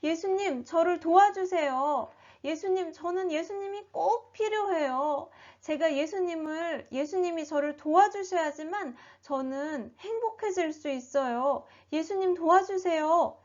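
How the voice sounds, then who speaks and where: A woman's voice: extremely high pitch, a little slow, few pauses, darkish tone, pitched above the performer's own voice. A woman voicing a blind male beggar who pleads and cries out desperately, in a storybook telling. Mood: pleading. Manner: crying out, begging. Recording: dull lo-fi recording.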